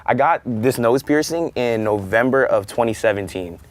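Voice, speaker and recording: A man's voice: mid-range voice, moderate pace. A young man, chatting casually as a panel guest in a college TV studio, slangy and full of fillers. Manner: slangy, filler-heavy, animated storytelling. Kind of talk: casual chat.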